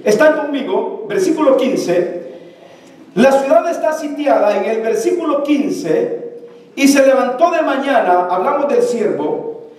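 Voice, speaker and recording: A high-pitched preacher retells a scripture story to the congregation and keeps asking them questions as it goes. The voice sounds far from the mic, and it rings through a very echoey church hall. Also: darkish tone. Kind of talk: sermon.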